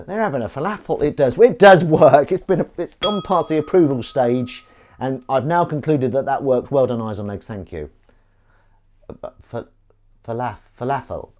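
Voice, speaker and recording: Chatty man, lively voice. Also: mid-range voice. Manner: chatty, self-deprecating, rambling with restarts. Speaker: streamer washing up live. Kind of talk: casual live-stream chat. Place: home kitchen at the sink.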